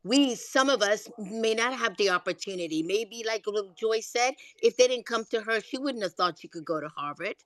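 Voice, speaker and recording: A woman's voice: a little high, expressive, normal speed, hardly any pauses, a bit bright, no room sound. A woman speaking earnestly in an online audio room, often stopping and restarting her sentences. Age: older than previous speaker. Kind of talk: casual discussion.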